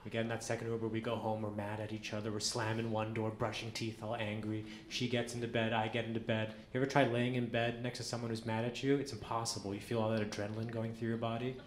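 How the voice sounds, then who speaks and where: A man performing a stand-up comedy set on a club stage, telling stories in a deadpan way and acting out quoted dialogue. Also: lowish voice, fast talker, hardly any pauses. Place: comedy club stage before a live audience. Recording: roomy club with audience noise.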